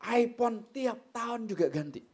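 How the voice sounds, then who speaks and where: A middle-aged male pastor preaching a sermon in a casual, emphatic way, swinging from loud to quiet. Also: very high-pitched, animated, a little slow, husky. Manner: emphatic, colloquial preaching with wide swings in loudness.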